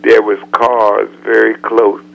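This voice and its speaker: An older man, a veteran musician, telling stories slowly in an interview and clearing his throat. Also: on the low side, flat delivery, fairly bright tone, low-quality recording. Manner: slow, throat-clearing storyteller. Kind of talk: storytelling in an interview.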